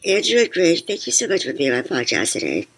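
A woman with a husky, breathy voice, hosting and interviewing on a podcast. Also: low-pitched, huge pitch swings, fast, soft background music. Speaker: podcast host.

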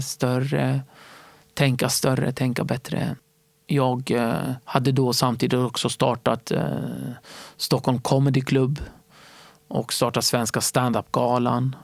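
A man telling stories in a casual interview, animated and fond of acting out other people's voices. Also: mid-range voice, gravelly, no echo. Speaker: stand-up comedy entrepreneur and guest.

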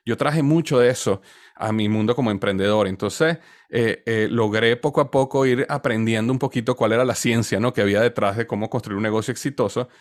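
A man's voice: fairly low pitch, brisk, dry recording, clean studio sound. A man in his forties with a Venezuelan accent, a podcast guest telling his story in a conversational, hesitant way, often repeating words as he searches. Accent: Venezuelan Spanish. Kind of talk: conversational interview answer.

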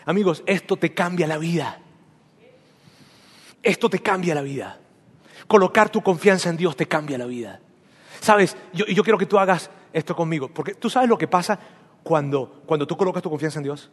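A man's voice: fairly high pitch, expressive, normal speed, breathy edge, long reverb tail. A man preaching a sermon as pastor, emphatic and repetitive, leading his congregation in spoken declarations. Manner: emphatic, repeats phrases, leads congregation in declarations. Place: church hall.

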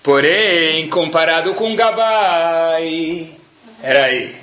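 A man giving a religious talk, telling a story with lively energy and Hebrew prayer terms. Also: a little high, drawn-out words, echoey room.

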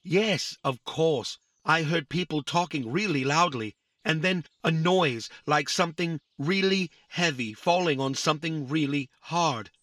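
A man's voice: a little high, a little slow, few pauses, a bit bright, no echo. A man voicing a literal-minded young boy robot in a family audio drama, stating times down to the millisecond. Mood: puzzled. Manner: pedantic, counts exact milliseconds.

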